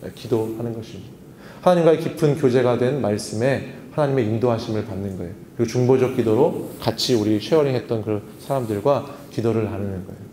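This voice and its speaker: Pastor teaching in a reverberant hall. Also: male voice, mid-range voice, fast talker, dark tone, slight background noise. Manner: teacherly, asks the audience questions and answers himself. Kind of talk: seminar talk on Bible meditation. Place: church hall at a youth retreat. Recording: long hall reverb, faint ambience.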